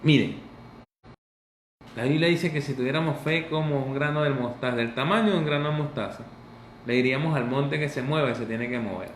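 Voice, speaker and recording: Animated pastor preaching. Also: male voice, medium pitch, brisk, a little hiss or hum. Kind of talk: sermon. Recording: echoey room with faint ambience.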